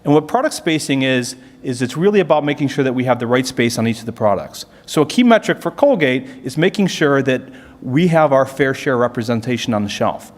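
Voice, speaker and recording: A corporate presenter gives an explanatory business conference talk, posing questions and then answering them himself. His mid-range voice is animated and fairly quick, with hardly any pauses. The hall sound is reverberant.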